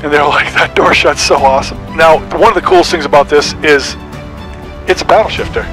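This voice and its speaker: Middle-aged man, enthusiastic driver on headset, slightly high voice, music bed underneath. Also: fairly quick, fairly bright tone, poor audio. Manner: enthusiastic, exclaiming. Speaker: vehicle builder test-driving. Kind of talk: casual chat. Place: inside a tracked vehicle cab, outdoors in snow.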